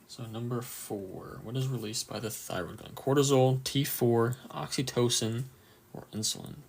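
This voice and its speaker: A man who has just woken up and is a bit tired hosts a casual livestream quiz review for anatomy students, his voice croaky and medium-pitched at a moderate pace. He reads out answer options and cheers on viewers' replies.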